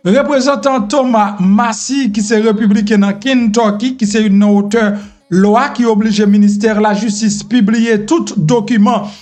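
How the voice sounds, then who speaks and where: A Haitian man delivers online news commentary in a notably high voice. He speaks straight to his viewers, often pausing on fillers and restarting his sentences. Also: fairly even intonation, darkish tone, faint music behind. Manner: addresses viewers directly, many fillers and restarts. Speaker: news presenter.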